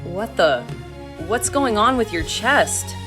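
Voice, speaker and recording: An actor playing a demanding, bewildered young friend in a film drama. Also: male voice, sits high, big pitch swings, slow, pushed and bright, soft background music, full character voice.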